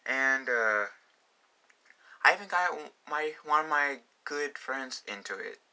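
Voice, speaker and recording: A man's voice: mid-range voice, expressive, measured pace, sharp tone, smooth. A young man talking casually in a fan vlog, rambling with many fillers and restarts. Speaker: vlogger.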